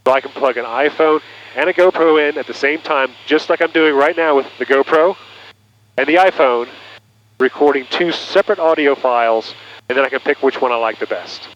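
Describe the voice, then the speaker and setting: A man's voice: mid-range voice, a little fast, a bit bright. Guy doing a product walkthrough like a pilot on the radio, muffled headset intercom, bit of noise. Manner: instructional, pilot talking through a headset intercom. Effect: aviation headset intercom sound. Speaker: presenter, pilot. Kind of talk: scripted product demonstration. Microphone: aviation headset through intercom cable.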